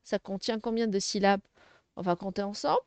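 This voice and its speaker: A woman teaching a first-grade phonics lesson, speaking slowly and articulating syllables clearly, encouraging young pupils. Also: mid-range voice, darkish tone, no echo. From Arabic-speaking background.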